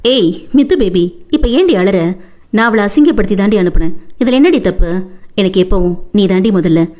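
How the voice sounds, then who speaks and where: A woman's voice: mid-range voice, lively intonation, moderate pace, a little mellow, lightly acted. A woman voicing a hot-tempered but doting young husband in an audiobook, coaxing and boastful.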